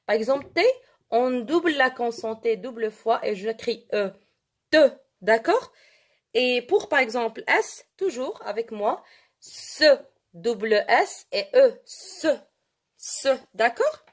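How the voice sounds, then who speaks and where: Lady teaching french, fairly high voice, goes over words slow and keeps asking "d'accord?". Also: animated. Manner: switches between French and Arabic, repeats words slowly and asks "d'accord?". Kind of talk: classroom-style French grammar lesson.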